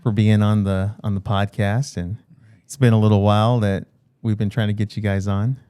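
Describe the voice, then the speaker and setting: A man's voice: lowish voice, flat delivery, moderate pace, mellow, clear, resonant tone, no room sound, clean studio sound. A man hosting a casual podcast, upbeat and friendly as he welcomes guests. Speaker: podcast host.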